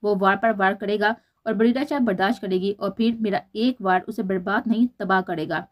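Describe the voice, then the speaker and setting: A woman's voice: mid-range voice, steady tone, normal speed, close to an everyday voice. Woman voicing a bold vengeful young heroine, scheming, romance audiobook. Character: defiant young woman bent on revenge.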